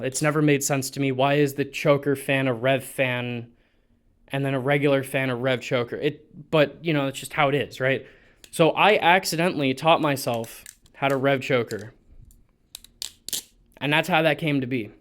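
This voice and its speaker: A man's voice: mid-range voice, a bit bright. A young man giving casual, profane advice in a rambling vlog, with blunt asides. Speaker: balisong flipping vlogger.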